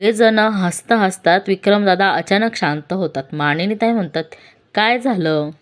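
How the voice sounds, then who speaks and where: A woman's voice: medium pitch, normal speed. A woman reading a voice-over recap of a TV serial episode, in plain storytelling narration. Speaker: TV serial reviewer.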